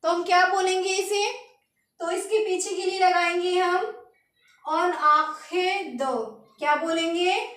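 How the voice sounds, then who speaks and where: A very high-pitched woman from India teaches a lesson at an unhurried pace. She repeats each word and asks the viewer to say it back, and the room gives her voice a clear echo. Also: steady tone. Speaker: French teacher. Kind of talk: language lesson.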